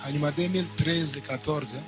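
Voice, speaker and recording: A man's voice: on the high side, music in the background. Young Rwandan man giving testimony. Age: young adult. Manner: measured, speaks in short bursts. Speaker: church testimony speaker. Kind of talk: church testimony in short phrases paused for an interpreter.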